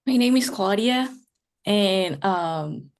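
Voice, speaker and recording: A woman's voice: medium pitch, expressive, takes it slowly. A woman from Indonesia, a PhD candidate on a student panel, introducing herself in an upbeat, lightly joking way.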